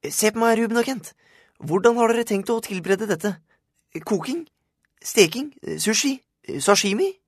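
A man's voice: high-pitched, expressive, no room sound, studio quality, pitched above the performer's own voice. A man voicing a pushy boy reporter from the school paper who fires off eager questions, in an audiobook. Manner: eager, quick-firing questions. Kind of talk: audiobook character voice.

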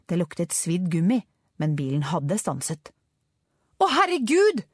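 A woman narrating a children's adventure story with expressive storytelling. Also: sits low, husky, no echo, studio quality. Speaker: audiobook narrator. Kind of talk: scripted narration.

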